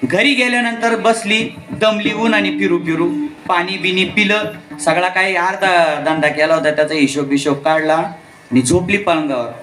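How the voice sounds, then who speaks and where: A man's voice: high voice, fairly even intonation, moderate pace, roomy sound. A man preaching a devotional kirtan, telling a story and acting out its characters' voices. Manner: acts out characters' voices while telling stories.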